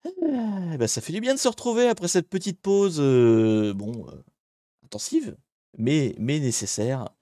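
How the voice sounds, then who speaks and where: A man hosting a casual live hacking stream from a home green-screen setup, lively and joking as he greets viewers one by one on a desk microphone. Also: on the high side, measured pace, no echo, clean studio sound.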